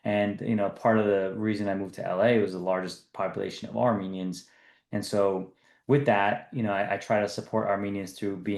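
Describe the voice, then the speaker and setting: Earnest thirties male founder, slightly low voice, echoey room. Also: a little mellow. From US East Coast. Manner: earnest, repeats words when restarting. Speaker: business founder guest. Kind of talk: conversational podcast interview.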